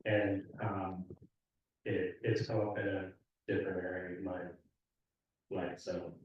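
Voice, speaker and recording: A soft-spoken man offers a suggestion at a local meeting, halting as he goes. He sits far from the mic in a very echoey room. His voice is low and flat, and the sound is muffled. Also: slight background noise. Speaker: meeting participant. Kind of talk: town meeting discussion.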